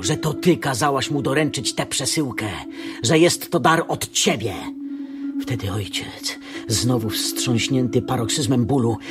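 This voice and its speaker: A man's voice: mid-range voice, natural voice. An actor playing a grief-stricken young son who tells of his father's death and accuses his mother, with impassioned delivery in a radio drama. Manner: impassioned, rising to fierce outbursts.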